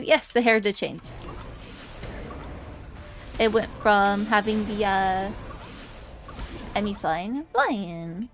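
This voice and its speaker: A woman in her twenties chatting casually with her stream viewers, rambling and giggly with lots of fillers. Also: a little high. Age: 20s. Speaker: VTuber streamer.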